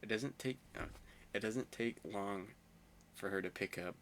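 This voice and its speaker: A man's voice: fairly low pitch, a little slow, a bit bright, slight background noise. A young man playing a visual novel, reading the narration aloud and mixing in chatty, self-mocking asides. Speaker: gamer.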